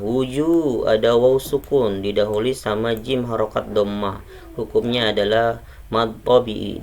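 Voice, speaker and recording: A man teaching Quran recitation rules in a patient, unhurried way, correcting common mistakes. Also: on the low side, gravelly, darkish tone. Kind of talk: tajwid lesson with recited examples.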